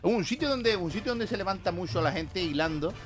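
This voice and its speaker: A man's voice: high voice, a little fast. A man telling jokes on a radio show, acting out the characters in his stories. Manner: animated storyteller, voicing characters in the jokes. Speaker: radio joke teller.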